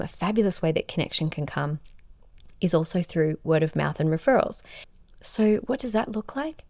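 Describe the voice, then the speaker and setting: A woman's voice: sits low, a little mellow, no echo, studio quality. A woman, a business coach hosting a solo podcast. She talks in an upbeat, emphatic way and stacks words into lists. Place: sitting on a bed.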